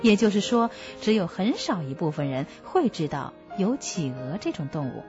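A woman hosting a children's story program, explaining gently to young listeners. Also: on the low side, big pitch swings, normal speed. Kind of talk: scripted narration for children. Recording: dull lo-fi recording with music.

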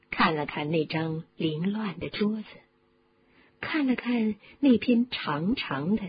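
A woman reading a storybook aloud with dramatic, expressive narration that drops low for suspense. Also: dull audio, slight background noise. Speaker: audiobook reader.

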